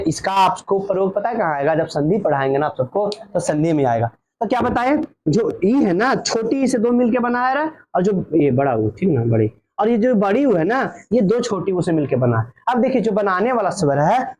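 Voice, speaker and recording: A man's voice: high-pitched, darkish tone. A man teaching a grammar lesson. He asks questions and answers them himself, and he draws out each vowel sound.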